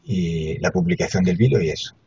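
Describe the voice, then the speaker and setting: A man's voice: deep voice, fairly quick, mellow, husky. A man with a Spain Spanish accent, a hypnotist asking his clients short, friendly questions over a call. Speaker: regression hypnotist interviewing clients. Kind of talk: casual video call chat.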